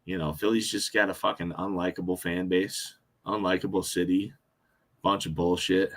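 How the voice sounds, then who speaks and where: A man co-hosting a casual sports podcast, joking and swearing, quick to take back his own digs. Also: deep voice, little pitch movement. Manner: joking, profane, backpedaling banter. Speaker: podcast co-host.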